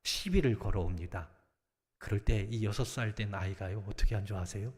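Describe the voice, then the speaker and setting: A middle-aged man, a senior pastor, preaching a sermon with emphatic swings between loud exhortation and hushed near-whispers. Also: fairly low pitch, brisk. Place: large church sanctuary. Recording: long reverb of a church sanctuary.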